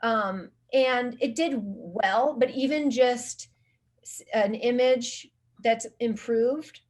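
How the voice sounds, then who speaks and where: A woman with a fairly high, slightly mellow voice speaks slowly as a social media marketing guest in a casual interview. She rambles, restarts sentences, and uses many filler words.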